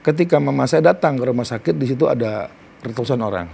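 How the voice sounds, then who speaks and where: Middle-aged male talk show guest with a gravelly, mellow voice; earnest, emphatic testimony. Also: mid-range voice, slight background noise. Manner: earnest and heartfelt, slow and emphatic. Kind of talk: personal testimony in conversation.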